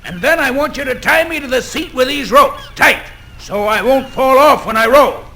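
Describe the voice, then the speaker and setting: A man's voice: very high voice, moderate pace, bright, forceful tone, heavily acted. An actor playing a stubborn, bossy old fisherman with no legs, in a 1960s record drama. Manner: gruff, bossy. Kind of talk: 1960s radio drama acting.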